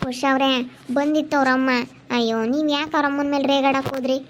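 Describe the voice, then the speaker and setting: A woman playing a calm relative who tries to soothe an angry husband. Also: high-pitched, fast talker, lightly acted. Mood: soothing. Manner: soothing, placating. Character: calm female relative, peacemaker at hospital. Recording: dull, slightly noisy recording.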